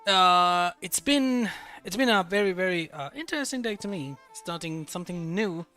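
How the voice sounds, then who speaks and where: A high-pitched male streamer with a very bright, sharp voice, chatting casually over a live stream. He repeats words as he talks and greets his viewers one by one by name. Faint music plays behind him. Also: lively intonation, moderate pace, smooth. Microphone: desk microphone.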